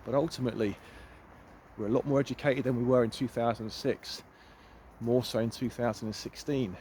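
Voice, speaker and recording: A man's voice: medium pitch, fairly even intonation, brisk, a little mellow. Man, middle-aged, coach, walking vlog, earnest, emphatic, repeats phrases, phone mic, outdoors, faint background noise. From United Kingdom. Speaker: empowerment coach. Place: outdoors in woods.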